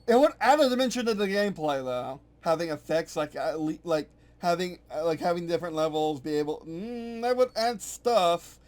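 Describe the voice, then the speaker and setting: A game designer streaming his work thinks aloud at his computer while reworking his game's rules, rambling casually and correcting himself. His slightly high, darkish voice has lively intonation, a moderate pace, and almost no pauses.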